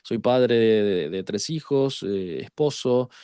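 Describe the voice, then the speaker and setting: An Argentine man, a guest psychologist in a radio interview, speaking hesitantly with many pauses and restarts. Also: lowish voice, lively intonation, warm tone, smooth, dry recording, clean studio sound. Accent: Argentine Spanish.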